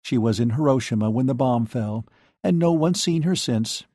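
A man's voice: medium pitch, lively intonation, normal speed, mellow, husky, no room sound, studio quality. A man reading an audiobook, voicing a young woman bar owner who speaks coldly and acerbically. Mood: detached. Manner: clipped and cutting.

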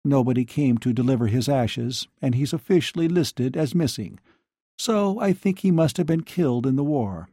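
A man's voice: mid-range voice, lively intonation, normal speed, warm tone, no room sound, clean studio sound. A man reading an audiobook, voicing a young woman bar owner who speaks coldly and acerbically. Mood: detached. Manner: clipped and cutting.

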